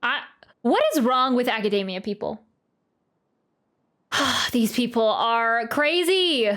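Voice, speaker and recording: This is a game streamer, a woman whose fairly bright, somewhat high voice moves at a slow pace. Reacting casually as she plays, she exclaims and says short phrases again and again while game music runs underneath.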